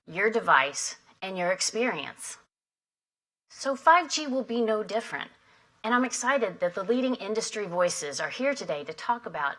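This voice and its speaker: A woman opening an industry summit with a prepared, formal keynote speech, measured and emphatic. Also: mid-range voice, bright, forceful tone, low-quality recording. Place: conference hall.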